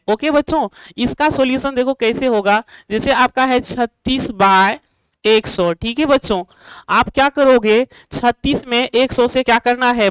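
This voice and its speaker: A woman teaching a math class with a smooth, fairly high voice. She walks through each step slowly and repeats it, asking questions aloud and answering them herself. The sound is close and dry. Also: no room sound, rough recording. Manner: poses rhetorical questions and answers them, checking in with students; drawn-out, repetitive explanation. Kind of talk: online classroom lesson.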